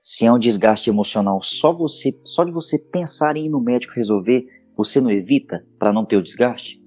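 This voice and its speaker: Guesting on a podcast, this Brazilian man explains his audio work in a relaxed chat, acting out small scenes like an animated storyteller. He has a Brazilian Portuguese accent and a medium-pitched voice, and his pace is brisk.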